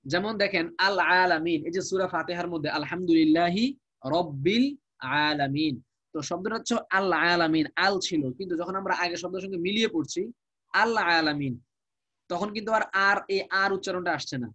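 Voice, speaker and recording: A man with a Bangladeshi Bengali accent leads a live online Quranic Arabic class, going slowly and repeating every word along with its translation. His voice is high and sharp, and the recording is dry and dull.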